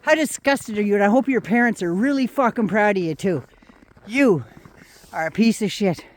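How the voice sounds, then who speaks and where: A woman's voice: mid-range voice, lively intonation, normal speed. An older woman vlogger delivering a heated, profane, sarcastic political rant.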